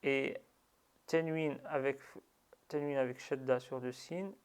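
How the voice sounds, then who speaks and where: Slow, patient man teaching. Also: medium pitch, clean tone. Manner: calm, patient, drills syllables with long drawn-out sounds. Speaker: Arabic reading teacher. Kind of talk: slow step-by-step lesson.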